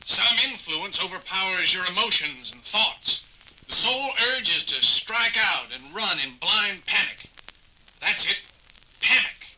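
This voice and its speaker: A harried ship's doctor in an audio drama, blunt and worried. His voice is high and very bright, with a hard edge. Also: lively intonation, unhurried, a little hiss or hum, heavily acted, poor audio.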